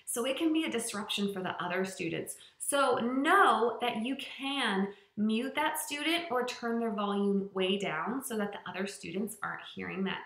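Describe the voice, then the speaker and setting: A woman's voice: medium pitch, moderate pace, vocal fry, hardly any pauses, fairly bright tone, reverberant. A woman who teaches English online, giving upbeat, chatty tips in a casual vlog with frequent fillers. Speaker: online ESL teacher and channel host.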